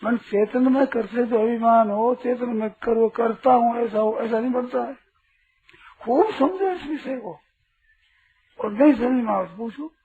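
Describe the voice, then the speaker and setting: In a very high-pitched voice with a steady tone, a man speaks at a moderate pace with few pauses, giving a spiritual discourse to an audience as a teacher. He asks rhetorical questions and sternly corrects a questioner, captured on a tinny lo-fi recording with faint hiss.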